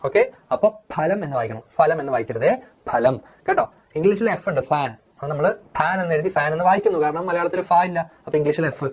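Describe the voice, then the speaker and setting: A Sanskrit teacher, explaining an online lesson in an animated way and answering their own questions. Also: medium pitch, fast.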